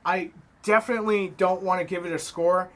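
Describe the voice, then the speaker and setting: Blunt, excitable young New York man. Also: sits high, brisk. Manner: excitable, blunt, swears freely. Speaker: movie reviewer. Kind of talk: casual spoken film review.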